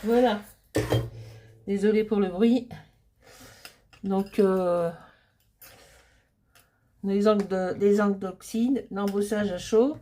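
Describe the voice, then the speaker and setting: A middle-aged woman chatting casually as she walks through a crafting project. Her voice is soft and mellow, and she takes her time, with relaxed pauses and frequent fillers between thoughts. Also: medium pitch. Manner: chatty, hesitant, many fillers.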